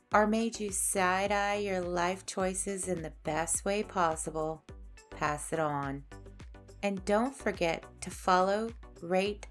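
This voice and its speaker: A woman hosting a spiritual podcast, delivering a scripted monologue with sass and a preachy edge. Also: on the low side. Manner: slow, sassy, preachy delivery. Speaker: podcast host. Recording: faint music underneath.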